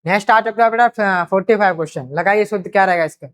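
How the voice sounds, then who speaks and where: A woman's voice: medium pitch, fast talker. A woman teaching a grammar exam-prep lesson, addressing students fondly and drawing out repeated words as she works through each question.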